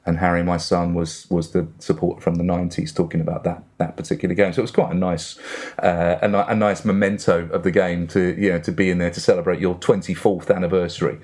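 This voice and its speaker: A man's voice: deep voice, level tone, fast, darkish tone. A middle-aged man with an Essex accent, chatting casually about football as a fan guest on a podcast. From Essex and east London, England.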